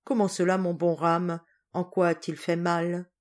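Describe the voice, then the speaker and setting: A woman voicing a gentle, soft-hearted little girl who speaks earnestly and pleads. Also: lowish voice, flat delivery, unhurried, natural voice.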